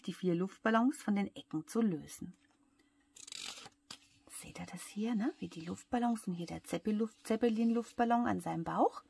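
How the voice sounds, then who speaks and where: A woman with a German accent reading a bedtime story to young children in a soft voice that often drops to a whisper. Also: medium pitch, gravelly, husky, dry recording. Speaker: childcare worker reading aloud.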